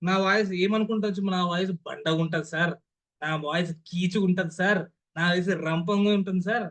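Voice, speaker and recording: Leading an online voice modulation session by video call, this man speaks quickly in a high, slightly bright voice with a steady tone. He's the trainer, and he repeatedly puts questions to his class and says them again.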